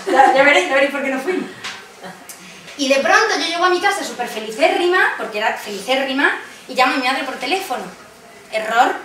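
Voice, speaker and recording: A woman speaker telling a lively personal story at a conference, acting out the voices she quotes. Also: high voice, brisk. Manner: animated, acts out quoted voices, laughs often. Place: conference room. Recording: echoey hall, distant mic, background noise.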